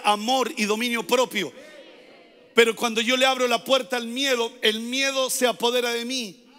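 A male pastor with a very high, bright, forceful voice preaches a sermon. He hammers his points by repeating phrases and at times rises to shouted pleas. The sound carries a long reverb from a church hall. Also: smooth.

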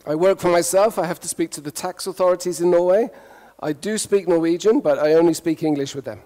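Man, raised in the UK, keynote speaker, playful, mellow tone, hall echo. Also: high voice, a little fast. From United Kingdom. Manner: playful, engages audience with questions. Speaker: conference speaker. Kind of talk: humorous keynote talk. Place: conference hall.

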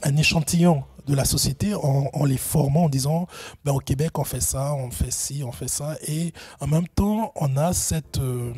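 Speaking at normal speed with a somewhat high, darkish voice that has a breathy edge and no echo, this middle-aged entrepreneurship consultant answers interview questions at length. Born in Benin and raised in Gabon, he hesitates often, restarting and filling pauses.

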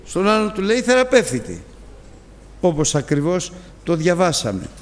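A male preacher giving a sermon, telling the story dramatically with big swings in pitch and loudness. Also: animated. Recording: long hall reverb.

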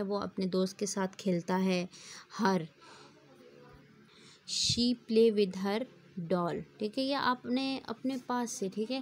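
Woman teacher, unhurried explaining delivery, mid pitch, repeats "theek hai". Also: darkish tone, a little hiss or hum. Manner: reads English questions slowly, then explains them in Urdu-Hindi. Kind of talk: recorded classroom lecture.

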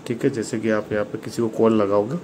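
In a clearly noisy room, a man with an Indian accent talks quickly through an informal hands-on phone review, frequently addressing viewers as a tech reviewer and video host. His voice is on the low side, darkish, and level in tone.

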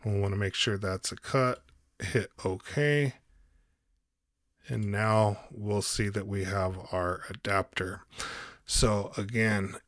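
Low-voiced guy, slow unhurried cad tutorial, dry close mic. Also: dry recording. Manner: calm step-by-step instruction with ums. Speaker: tutorial host. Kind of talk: screen-recorded software tutorial.

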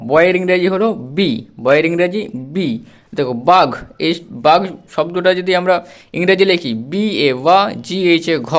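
A man teaching a spelling lesson, slowly repeating and spelling out words letter by letter. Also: sits high. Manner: slow, repetitive drilling, spells words out letter by letter.

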